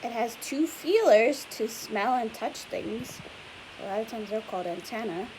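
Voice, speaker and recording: A young woman teacher reads a picture book to children in a voice on the high side, at a measured pace. She chats and explains along the way, often stopping to ask questions, and a faint hiss can be heard in the recording.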